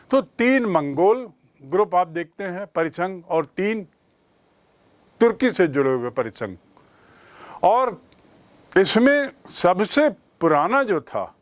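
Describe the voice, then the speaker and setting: A man teaching a history lesson, explaining slowly and repeating key terms for his students. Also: on the high side, no room sound. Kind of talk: classroom history lecture.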